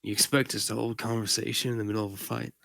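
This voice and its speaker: A man doing a gruff, low, gravelly knight. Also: little pitch movement, fast, bright, forceful tone, no echo. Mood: defensive. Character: gruff male knight guard, blunt and defensive.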